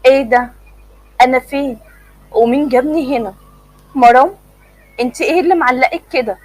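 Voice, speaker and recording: A woman's voice: high voice, a little fast, darkish tone, no room sound, faint music behind, rough recording. A woman voicing a dazed older mother-in-law, confused and urgent.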